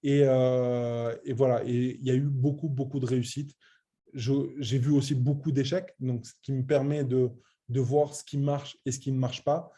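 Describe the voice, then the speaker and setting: This is a late-thirties web entrepreneur giving a casual online business presentation about his training programme. His delivery is flat and moderately paced in a mellow, mid-range voice, emphatic though frequently halting and repeating words.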